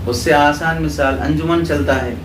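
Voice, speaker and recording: Speaking a little high with fairly even intonation, a man with a Pakistani Urdu accent lectures a religious school class, defining terms and echoing his students' replies to his questions. A distant mic captures roomy echo and clear background noise.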